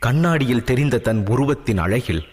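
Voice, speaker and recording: A man narrating a scripted audio drama with expressive storytelling. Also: medium pitch, moderate pace, husky. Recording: music bed, long reverb.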